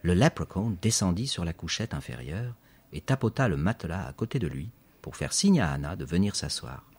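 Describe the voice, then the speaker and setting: A man narrating a children's story with expressive, lively storytelling. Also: low voice, a little fast, slightly rough. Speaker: audiobook narrator.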